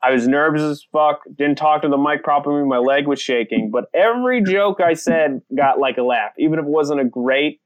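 A young man, a comedian, telling stories on a podcast in a casual, animated way, laughing and swearing freely. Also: fairly high pitch, normal speed, hardly any pauses, lo-fi sound. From United States. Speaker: comedian guest.

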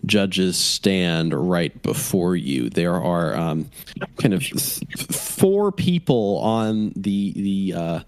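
A man's voice: low-pitched, sing-song, extremely slow, no echo. A man narrating as game master of a tabletop game, describing scenes in a rambling way with many fillers.

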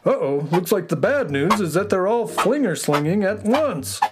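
Man voicing a lively, swooping space horse. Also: high voice, normal speed, loud music behind the voice. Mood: upbeat. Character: friendly, excitable male space horse librarian of sounds. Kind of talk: children's audio story acting.

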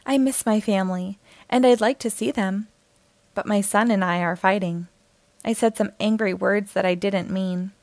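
A woman's voice: medium pitch, fairly even intonation, normal speed, a little mellow, no room sound, lightly acted. A woman voicing a kindly, regretful old man, a lonely neighbor in a children's story.

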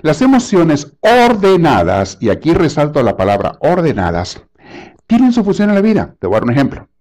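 Male preacher, sermon delivery, punchy and animated. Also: on the high side, fast. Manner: emphatic, rhetorical questions, scolding.

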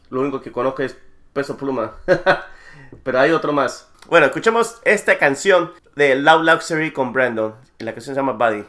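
A man, co-hosting a casual podcast chat, relaxed and laughing often. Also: mid-range voice. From lives in New Jersey. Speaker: podcast co-host, producer.

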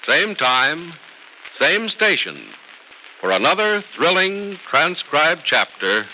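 An American man in the emphatic, salesmanlike manner of an old radio announcer, presenting a serial and pitching its sponsor. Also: sing-song, takes it slowly, pushed and bright, rough recording. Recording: old radio recording, faint noise.

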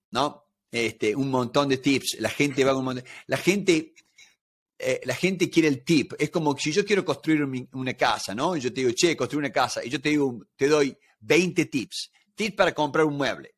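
A man's voice: mid-range voice, fairly bright tone. Rioplatense man explaining with examples. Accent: Rioplatense Spanish. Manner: explanatory, talks through everyday examples. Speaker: negotiation expert guest. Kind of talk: conversational interview.

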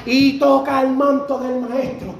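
A man preaching a sermon in a church, fervent and breaking into shouts on key phrases. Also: very high voice, flat delivery, measured pace. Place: church sanctuary. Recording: very echoey church hall.

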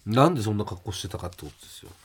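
A man's voice: fairly low pitch, very fast, breathy edge. A man hosting a radio talk show, chatting casually, reading out listener mail and teasing his co-host with frequent laughs. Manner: teasing, laughs often, animated.

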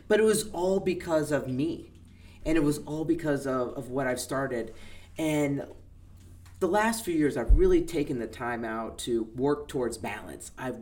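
A woman's voice: extremely low pitch, darkish tone, slight background noise. A middle-aged woman guest in a casual conversation, speaking earnestly and reflectively about personal growth.

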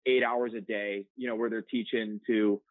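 A young man appears as a podcast guest, candidly telling his story in a rambling way with lots of fillers, in a casual interview. His voice is lowish with little pitch movement and a moderate pace. The sound is dry and tinny, like a phone line, with no echo.

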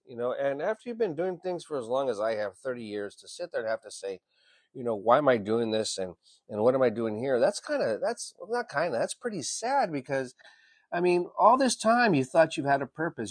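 A man's voice: mid-range voice, no room sound, clean studio sound. A man in his fifties who works in emergency medicine, talking through a reflective personal monologue in a rambling way. He leans on "you know", swears casually and often restarts his sentences. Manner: frequent restarts and repeated words.

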